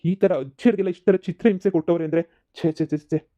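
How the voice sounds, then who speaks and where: A man's voice: high voice, fairly even intonation, fast talker, mellow, muffled recording, natural voice. A man voicing a patient, sympathetic police officer for a cartoon comedy. He speaks in a reassuring, matter-of-fact way. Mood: soothing.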